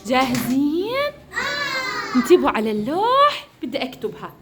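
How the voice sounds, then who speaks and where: A young woman with a Levantine accent teaching small children in a classroom, cheering them on and slowly sounding out syllables. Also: sits high, huge pitch swings, fairly bright tone, faint music behind. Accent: Levantine Arabic. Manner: encouraging, praises often, drawn-out sounding of syllables. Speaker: kindergarten teacher. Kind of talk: classroom phonics drill.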